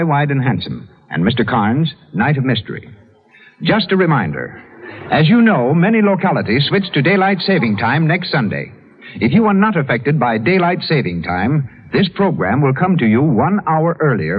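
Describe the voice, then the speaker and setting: A man working as the announcer on an old radio broadcast, reading cast credits in a formal, even announcer style. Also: medium pitch, slightly rough. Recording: dull lo-fi 1930s radio recording.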